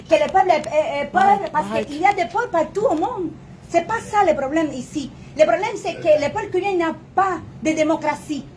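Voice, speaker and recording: A woman's voice: very high voice, darkish tone, slight background noise. A woman, a native Spanish speaker, arguing insistently in French with a Cuban accent. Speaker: immigration consultant. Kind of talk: impassioned public argument.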